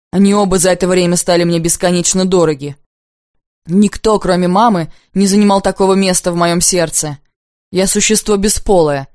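A woman reading the lines of a proud, bitter unmarried woman in an audiobook, intense and accusing, often slow and heavy. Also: mid-range voice, a little mellow, no room sound, studio quality, close to an everyday voice.

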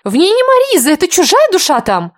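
A woman voicing a spiteful young female rival who shouts her accusations. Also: huge pitch swings, brisk, no room sound, clean studio sound, heavily acted. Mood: shrill. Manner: shrill, shouting.

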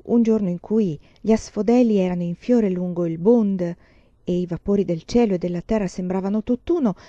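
A woman reads a novel aloud in a measured, expressive voice, mellow and warm in tone. The room is dry and the recording slightly dull. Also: medium pitch, dry recording. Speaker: reader. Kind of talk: storybook reading.

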